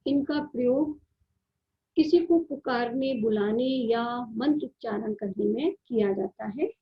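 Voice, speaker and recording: Slow high-voiced woman teaching grammar. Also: highs cut off. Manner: slow, drawn-out explanation with repeated vowel sounds. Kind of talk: Hindi grammar lesson.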